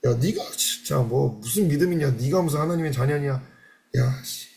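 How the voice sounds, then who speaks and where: A man's voice: medium pitch, normal speed, darkish tone, natural voice. A man voicing the sneering, taunting inner voice of a false self, scornful and blunt.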